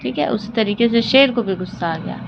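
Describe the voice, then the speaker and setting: A woman's voice: fairly high pitch, lively intonation, a little fast. A woman teaching children a textbook story, reading it and then retelling it in simple words while she asks and answers her own questions and drops in English words. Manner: mixes English words into Hindi. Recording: dull lo-fi audio with clear hiss.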